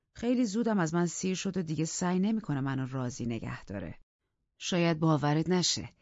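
A man voicing a bitter, obsessive young man who talks with intense scorn and drops into low whispers in an audiobook. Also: no room sound. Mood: contemptuous. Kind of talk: audiobook character reading. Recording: dry, dull lo-fi recording.

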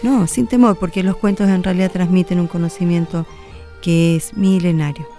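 Gravelly, warm-voiced woman guest. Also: fairly low pitch, fairly even intonation, faint music behind. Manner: thoughtful, halting. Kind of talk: radio interview.

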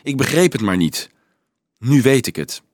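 Man reading earnest teenage boy, storybook, urgent, hesitant, lively swinging delivery, dry close sound. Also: mid-range voice, moderate pace, no room sound, voice pushed up. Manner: hesitant, then urgent and explaining. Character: earnest teenage boy leading a crowd of children. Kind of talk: audiobook reading.

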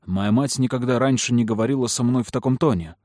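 A man narrating a story in the first person in a calm, even manner. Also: mid-range voice, fast talker, no echo, studio quality. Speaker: audiobook narrator.

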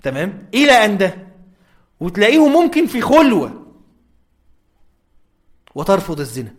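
Egyptian guy giving a religious talk, kinda high voice, keeps asking if u follow. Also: huge pitch swings, moderate pace. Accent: Egyptian Arabic. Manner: conversational, often checks in with listeners. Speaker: religious lecturer. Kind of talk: informal religious lecture.

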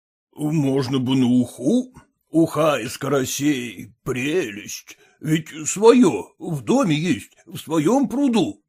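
A man's voice: on the high side, sing-song, takes it slowly, a little mellow, slightly rough, exaggerated voice. A man doing a mournful old nobleman. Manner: mournful, exclaiming. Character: gloomy impoverished nobleman, sighing and sentimental. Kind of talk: audiobook character voice.

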